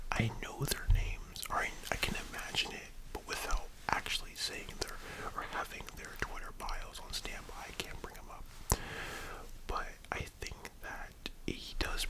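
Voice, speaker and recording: An ASMR host speaking in a breathy library whisper, rambling casually and giving opinions. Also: poor audio.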